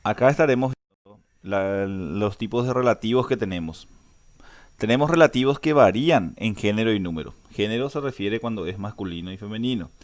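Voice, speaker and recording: A male teacher, giving a recorded grammar lesson and explaining step by step with frequent "eh" fillers and restarts. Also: on the low side.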